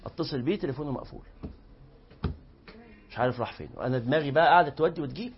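A man's voice: on the high side, racing, lo-fi sound, slight background noise. A man with an Egyptian accent teaching a religious lesson to a class, telling stories and acting out both sides of the dialogue. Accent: Egyptian Arabic. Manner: lively storytelling that acts out both sides of quoted dialogue. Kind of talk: lecture to a live class.

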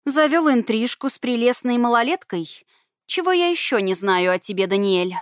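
A woman narrator voices an icy, haughty young woman, a jealous ex-fiancée in an audiobook, who questions and accuses. She speaks higher than the narration and pushes harder. The sound is dry and close, with no room around it. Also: lively intonation, moderate pace, no echo, natural voice. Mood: mocking. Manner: icy, indignant, demanding. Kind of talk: audiobook character voice.

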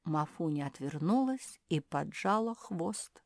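A woman narrating a children's storybook in a calm storytelling manner. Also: sits low, a little slow, no echo, clean studio sound.

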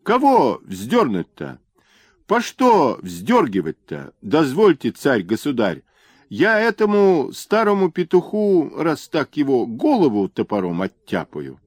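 A man voicing a coarse, brutal peasant executioner who speaks roughly and gruffly. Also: fairly high pitch, wildly swooping pitch, slow, dry recording, studio quality, pitched above the performer's own voice, heavily acted. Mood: eager.

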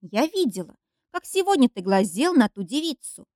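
In a studio-quality recording with no room sound, a woman reads an audiobook, pitching her slightly high, sing-song voice above her natural one at a moderate pace. She plays a clingy, jealous young woman who is emotional, accusing, shrill and pleading.

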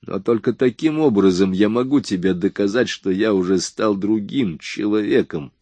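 A man's voice: lowish voice, normal speed, dark tone, no room sound, lightly acted. A man reading an audiobook voices a hardened young man who gives curt, commanding orders. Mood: cold. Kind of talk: audiobook dialogue.

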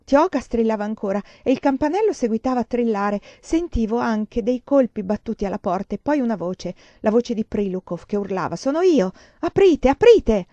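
A woman reads a first-person novel aloud with dramatic expression, her voice climbing in the tense passages. Her tone is mellow and dark, close and dry, and the recording is a little dull. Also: a little fast, hardly any pauses, dry recording. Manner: dramatic, rising in pitch at tense moments. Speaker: reader of a novel. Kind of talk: expressive audiobook reading.

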